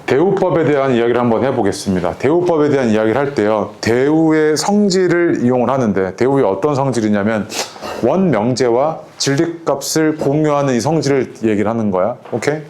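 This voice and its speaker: A man lectures on math in an easy, chatty way, stopping often to ask whether the class is keeping up. His voice sits at an ordinary pitch, and a faint hiss runs under the recording. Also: animated, a little fast, darkish tone. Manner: casual, keeps checking in with students. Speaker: math teacher. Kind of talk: lecture to students.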